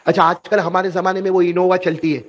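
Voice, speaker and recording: A male preacher telling a religious story in an animated sermon, often calling on listeners to answer him. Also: high voice. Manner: animated, calls on the audience to repeat.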